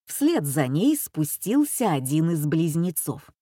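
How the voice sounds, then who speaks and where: A woman reading a children's story aloud in an expressive, dramatic way. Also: low-pitched, slow, no echo, clean studio sound.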